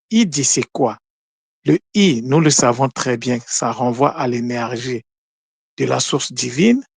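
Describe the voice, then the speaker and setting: Slow, deliberate male teacher. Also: medium pitch, creaky, slightly rough, no echo. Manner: slow, deliberate, with many pauses and fillers. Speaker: language teacher. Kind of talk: spoken lesson on word meanings.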